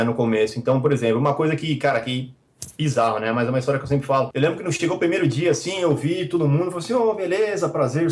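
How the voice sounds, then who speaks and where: A Brazilian man with a São Paulo accent, a podcast guest telling stories animatedly and packing his talk with fillers. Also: mid-range voice. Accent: São Paulo Portuguese. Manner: animated storytelling, many fillers like cara and bicho. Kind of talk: casual interview chat. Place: remote, abroad.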